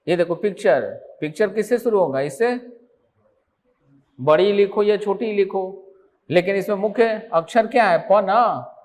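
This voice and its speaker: A man's voice: high voice, unhurried. A man teaching an online exam-prep grammar lesson, asking his students question after question and answering them himself.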